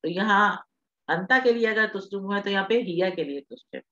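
A woman's voice: medium pitch, pushed and bright, dull audio. A woman teaching an online class, patient and reassuring, mixing in English terms.

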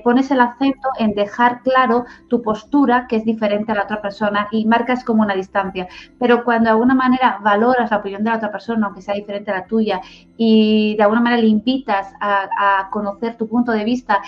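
A woman from Spain working as a family counselor, answering interview questions in a reflective way, with many "eh" fillers and "¿no?" tags. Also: a little high. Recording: slightly dull lo-fi audio.

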